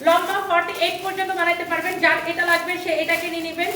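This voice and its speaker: A woman selling clothes on a live stream, repeating prices in a quick pitch, her throat sore and strained. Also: little pitch movement, bright, forceful tone, reverberant, recorded from a distance, a little hiss or hum. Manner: fast repetitive sales pitch, repeats prices. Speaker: online clothing seller.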